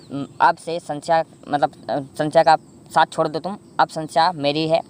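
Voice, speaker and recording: Brisk, monotone recap narrator from India, chatty and self-correcting. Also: medium pitch, slight background noise. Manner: rambling, frequent self-corrections and fillers. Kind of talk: casual drama recap narration.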